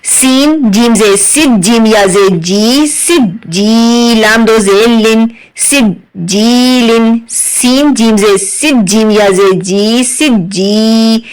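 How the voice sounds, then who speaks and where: Very slow, high-pitched woman teacher. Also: smooth, low-quality recording. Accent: Urdu. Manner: spells out letters and vowel marks, then blends them slowly. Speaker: Quran reading teacher. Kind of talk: slow syllable-by-syllable recitation lesson.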